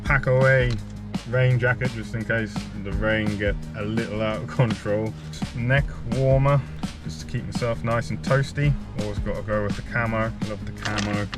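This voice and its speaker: A man's voice: fairly low pitch, steady tone, normal speed, loud music behind the voice. A man talking casually as a vlogger, rambling a little, with wry, self-deprecating understatement. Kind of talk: casual chat to camera.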